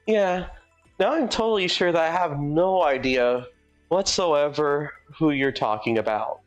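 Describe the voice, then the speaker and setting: A streamer voicing a sarcastic woman bartender who answers in a dry, deadpan way, in live fan voicing of a game. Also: mid-range voice, unhurried, lo-fi sound, faint music behind, lightly acted.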